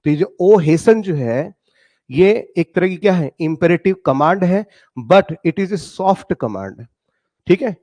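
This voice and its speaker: A man teaching a lesson, reading poem lines slowly and dramatically, then explaining them and asking the class rhetorical questions. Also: sits high, animated, dark tone. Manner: addresses students as "beta", asks rhetorical questions.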